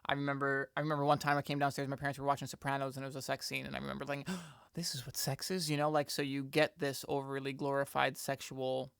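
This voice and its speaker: A man's voice: mid-range voice, flat delivery, quick pace, gravelly, hardly any pauses, fairly bright tone, smooth, no echo, clean studio sound. A man in his twenties co-hosting a podcast, talking loosely and candidly, with some swearing. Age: 20s. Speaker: podcast co-host. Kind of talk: casual chat.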